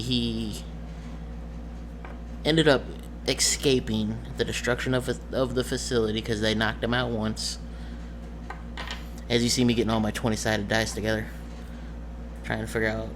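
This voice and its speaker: A tabletop game master talks in a casual, unscripted vlog style, his voice at a middle pitch. He rambles, hesitates, and searches for the right word, with clear room noise behind him on an amateur recording.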